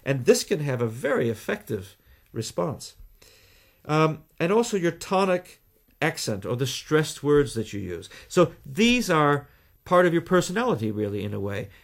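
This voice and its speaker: A Canadian man talking as a guest in a radio interview, explaining things in a measured way with deliberate pauses. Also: on the high side, sing-song, creaky. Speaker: guest, communication trainer.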